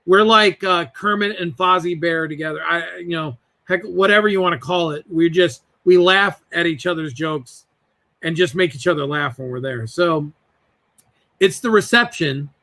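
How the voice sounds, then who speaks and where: A man in his forties telling family stories as a podcast guest, animated and doing voices as he goes, over a video call. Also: fairly high pitch, normal speed. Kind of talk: casual storytelling.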